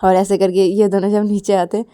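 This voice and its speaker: A woman's voice: medium pitch, flat delivery, a little fast, dark tone, clean tone, no echo, studio quality. A woman narrating a love story in a casual, plain storytelling manner.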